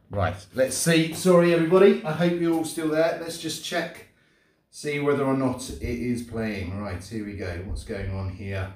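A middle-aged man leading an exercise class as instructor, coaching in short, encouraging commands. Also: medium pitch. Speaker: fitness and martial arts instructor. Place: indoor home gym, hard walls. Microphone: distant camera mic across the room. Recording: echoey room, far from the mic.

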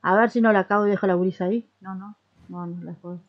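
A woman's voice: mid-range voice, fairly even intonation, fast, lo-fi sound. A woman with a Rioplatense Spanish accent giving casual let's-play commentary, chatty and coaxing as she talks to her characters like babies. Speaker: gaming YouTuber.

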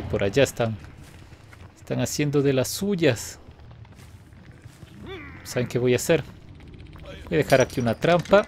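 A man giving playful, taunting live commentary while playing a game, now and then breaking into excited laughter. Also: mid-range voice, slight background noise. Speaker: gaming video host.

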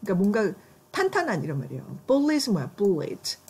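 A Korean woman teaching English vocabulary in a classroom, brisk and checking in with her students often. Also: mid-range voice, wildly swooping pitch, mellow, slightly rough.

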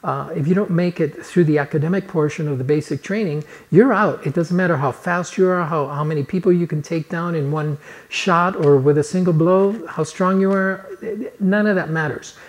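A slightly high-pitched man speaks at a moderate pace in this earnest motivational talk to camera. He's a Chilean-born personal coach in his fifties, seated on a couch in a living room with a lapel mic, telling a personal story earnestly and moving his hands as he talks.

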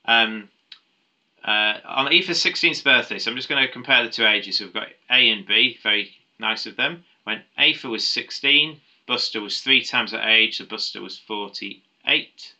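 Male maths tutor, lowish voice with a very bright edge, talks through problems aloud with ums and restarts. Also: unhurried, lo-fi sound. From United Kingdom. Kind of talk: explaining a maths paper step by step.

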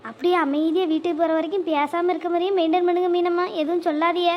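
A woman's voice: very high-pitched, flat delivery, fast, dull audio. A woman voicing a distraught young woman in a cartoon, speaking tearfully and pleadingly. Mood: coaxing. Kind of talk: cartoon voice acting.

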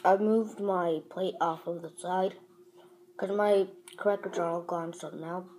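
Slow, chatty woman vlogger. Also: lowish voice, fairly even intonation, darkish tone, a little hiss or hum, low-quality recording. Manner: chatty, talks while eating. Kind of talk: casual vlog chat. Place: at home over breakfast.

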